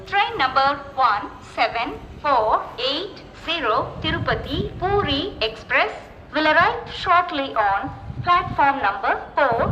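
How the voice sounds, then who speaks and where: A woman with an Indian accent makes train announcements over a station PA loudspeaker. Her voice is high and bright, and she paces each phrase slowly and evenly. A faint hiss sits under the sound. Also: rough recording. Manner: slow, measured, evenly repeated phrasing. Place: railway station.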